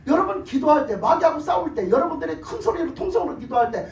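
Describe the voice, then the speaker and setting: A pastor preaches fast and very animatedly in an extremely high voice that is hoarse and broken from years of shouted prayer. He drives his points home emphatically with rhetorical questions and laughs as he goes, captured from a distance in an echoey room with faint ambience.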